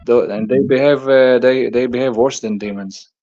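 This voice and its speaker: A man calling in to a casual discussion, talking haltingly with many fillers. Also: medium pitch, steady tone, warm tone. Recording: dull lo-fi line.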